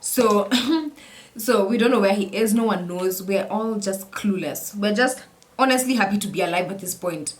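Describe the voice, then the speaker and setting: A young woman telling a story in a casual chat while doing her makeup, animated and repetitive, slipping in Swahili words. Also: medium pitch, normal speed, slight background noise. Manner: animated, repeats phrases, mixes in Swahili words. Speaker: vlogger.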